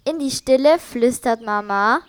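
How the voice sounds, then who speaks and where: A woman narrating a children's story in a gentle, even way. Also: on the high side, a little slow, slight background noise.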